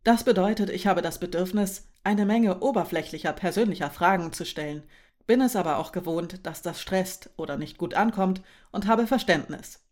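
A woman voicing a cheerful, talkative female housemate with a somewhat angular voice, read softly in a German audiobook. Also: lowish voice, moderate pace, lightly acted. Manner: talkative, direct.

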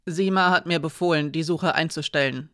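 A narrator voicing a spirited, impulsive young woman who thinks out loud in a storybook reading. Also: medium pitch, a little fast, dry recording, clean studio sound, lightly acted. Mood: downcast. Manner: lively, talks aloud while thinking.

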